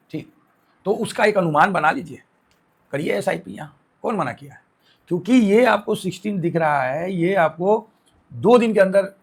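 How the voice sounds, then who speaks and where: A man talks through market news in a casual, chatty way. His voice sits a little higher than most men's. He leans on homely comparisons and keeps throwing questions back at the listener. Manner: chatty, explains with homely analogies, rhetorical questions to viewers. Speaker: stock market commentator.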